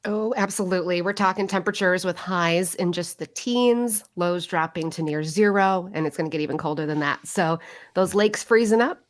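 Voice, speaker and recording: A woman with a slightly low voice gives a radio weather forecast. She talks in a cheerful, chatty way and laughs easily with the hosts. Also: moderate pace. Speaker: meteorologist.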